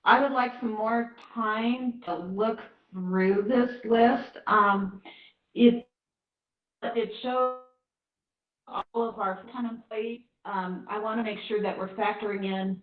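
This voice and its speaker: A woman's voice: a little high, fairly even intonation, slow pace. A woman council member thinking aloud cautiously in a meeting discussion. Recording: dull, echoey, distant sound.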